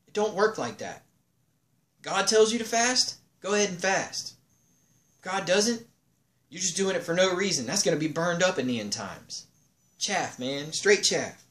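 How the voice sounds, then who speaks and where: A man leading a casual Bible study, acting out the people in the story and throwing in slangy asides. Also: high voice. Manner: animated, acts out the people in the story in quick paraphrase, slangy asides.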